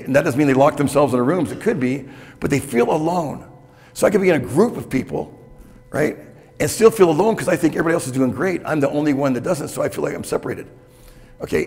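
A gravelly, mid-range male voice belongs to a keynote speaker in his sixties, talking candidly and conversationally to a conference audience and often asking "okay?" He's on a lapel mic in a hotel conference room, and the hall sounds reverberant.

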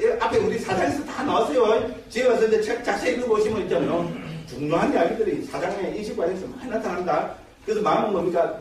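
A male Buddhist monk giving a dharma lecture in a temple teaching hall, keeps checking in with his listeners through quick rhetorical questions. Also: fairly high pitch, a little hiss or hum. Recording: echoey lecture hall, distant mic.

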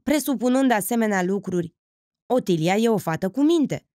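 An earnest young man who speaks up firmly, read by a woman narrator. His delivery is lively in pitch, and it is recorded dry and close to the mic. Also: no echo, close to an everyday voice. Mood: indignant.

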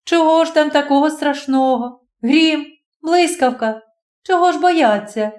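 A woman reading the lines of a calm, kind young male official, speaking soothingly. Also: high voice, a little slow, pitched above the performer's own voice. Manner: soothing, reassuring. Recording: roomy echo.

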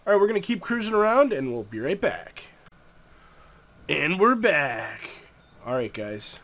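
A young man with a congested, nasal voice narrates a game in casual commentary. His voice is on the high side, sing-song, a bit bright and a little slow. He's chatty and easygoing, even talking to the creatures.

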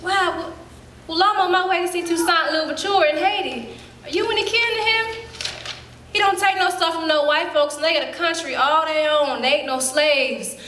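A woman performing a dramatic stage monologue as a spirited woman recalling her girlhood, telling it in lively, colloquial speech with sudden jumps in pitch. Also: a little hiss or hum. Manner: lively storytelling, colloquial, with quick leaps up in pitch. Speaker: stage actor. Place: theater stage. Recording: roomy hall.

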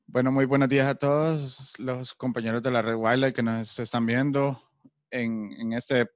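Man, 30s, host, informal and halting, dry close sound, handheld mic. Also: medium pitch, steady tone, dry recording. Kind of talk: introducing a speaker. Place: large library hall, indoors.

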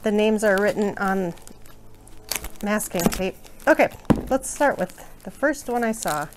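Woman, casual vlog host, self-mocking, mid-pitched voice, faint background hiss. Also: animated, measured pace. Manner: chatty, thinks aloud, self-mocking jokes. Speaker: plant channel host.

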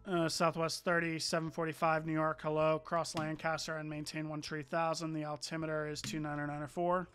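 A man's voice: a little high, monotone, a little fast, fairly bright tone. A young man acting as an air traffic controller, giving clipped, procedural radio instructions for a flight simulator.

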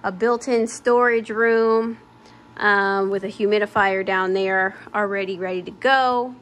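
Filming on her phone as she walks from room to room, a young home vlogger casually tours an empty house, frequently saying "um." She speaks a little slowly at a medium pitch, with a steady, fairly bright tone.

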